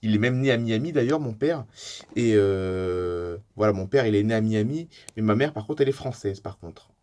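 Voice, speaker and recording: A man voicing a friendly adult camper from Florida, chatting in improvised pretend play with a relaxed, reassuring manner. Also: lowish voice, normal speed, pitched below the performer's own voice, lightly acted. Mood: easygoing.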